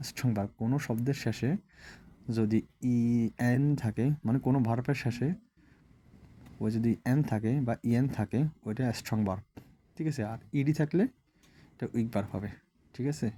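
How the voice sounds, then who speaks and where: Guy teaching verbs, warm mellow voice, chants the lists over and over, bit of hiss behind. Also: medium pitch, a little fast, long pauses. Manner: repetitive chanting of word lists, frequent "all right?" checks. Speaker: English teacher. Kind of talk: classroom lesson, drilling verb forms aloud.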